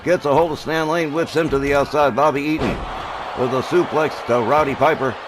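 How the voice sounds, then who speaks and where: A man's voice: on the high side, fairly even intonation, a little fast. A man doing play-by-play wrestling commentary, calling each move in short, clipped phrases with exclamations. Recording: clearly noisy recording.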